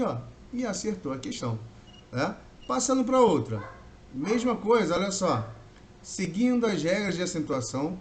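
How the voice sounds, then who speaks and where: A man from Brazil teaching an exam-prep grammar lesson, explaining step by step and drawing out key words slowly. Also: fairly high pitch. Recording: faint background noise.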